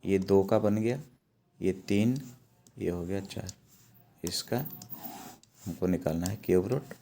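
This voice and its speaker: A man's voice: low voice, vocal fry, dark tone. A man teaching a math lesson, going step by step and checking in with his students as he works. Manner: slow, repeats steps and checks in with "है ना".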